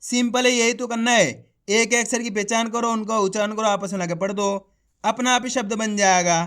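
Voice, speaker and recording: A man's voice: sits high, fairly even intonation, fairly quick, fairly bright tone. A man teaching Hindi reading, sounding out each syllable and then blending it into the whole word, addressing viewers as friends. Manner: addresses viewers as friends, giving simple instructions. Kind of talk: slow syllable-by-syllable reading lesson.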